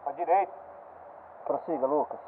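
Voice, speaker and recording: A man's voice: on the high side, normal speed, narrow, tinny audio, background noise. A man on a walkie-talkie radio during an airsoft game, making short, clipped radio calls outdoors. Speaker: airsoft player.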